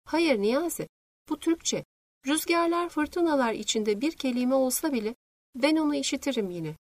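A woman voicing a young male officer who speaks with calm confidence, read as part of an audiobook. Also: high-pitched, a little fast, no room sound, clean studio sound, far from the mic. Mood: confident. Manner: sure of himself.

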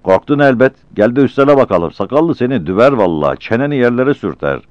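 A man voicing a mocking truck driver's helper who talks loudly. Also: medium pitch, animated, fast talker, dry recording, muffled recording, pitched above the performer's own voice, lightly acted. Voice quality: loud, mocking.

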